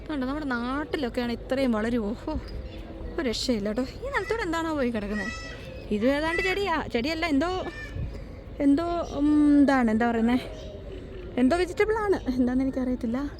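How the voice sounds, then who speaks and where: A woman's voice: high-pitched, lively intonation, normal speed, a little mellow, slight background noise. A woman on a casual vlog walking through a farm at dusk, chatty, who keeps pointing things out to her viewers. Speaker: family vlogger.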